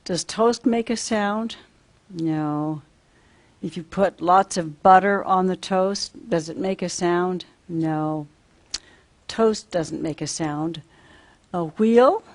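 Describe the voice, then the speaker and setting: A woman's voice: fairly low pitch, takes it slowly, a little mellow. A woman teaching a simple children's lesson as if reading to a toddler, asking sing-song questions and repeating simple phrases.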